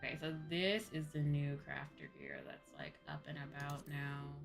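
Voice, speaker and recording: A woman livestreamer and host chats casually with her viewers while she plays, informal and rambling, often repeating herself. Her low voice is very animated, with vocal fry and a moderate pace. Faint music plays behind her.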